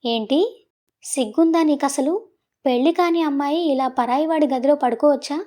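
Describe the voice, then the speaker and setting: A man's voice: very high voice, normal speed, mellow. Woman doing a flustered, scolding young man. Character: exasperated young man fending off his cousin. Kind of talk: storybook voice acting.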